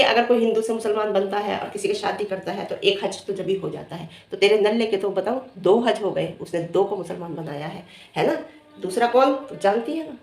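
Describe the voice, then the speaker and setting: A woman's voice: mid-range voice, gravelly. A middle-aged woman vlogger who scolds and taunts a rival directly in a confrontational rant. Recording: echoey room.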